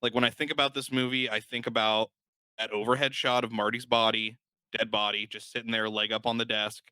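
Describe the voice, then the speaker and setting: A man's voice: fairly low pitch, little pitch movement, a little fast, sharp tone, clean tone, dry recording, poor audio. A man co-hosting a podcast, talking casually and rambling about a film with many "like" fillers. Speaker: podcast co-host.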